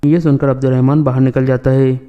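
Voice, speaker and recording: A man's voice: medium pitch, little pitch movement, clear, resonant tone, dull audio. A man narrating a scripted drama recap voice-over, retelling steadily and reading out every character's lines.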